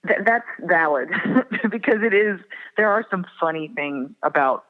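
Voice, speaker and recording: A woman in her forties from the northern prairie, reflective and often laughing softly as an interview guest. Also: lowish voice, lively intonation, measured pace. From Minnesota and North Dakota border area. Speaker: guest singer-songwriter. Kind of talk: casual interview chat. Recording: tinny phone-like line with long reverb.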